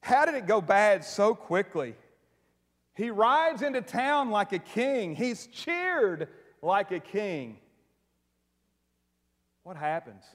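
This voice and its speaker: A man preaching a sermon to his congregation, animated and joking, tossing in frequent "right?" asides as he talks. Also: high-pitched, takes it slowly, pauses often. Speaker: pastor. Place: church sanctuary. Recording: long reverb of a large hall.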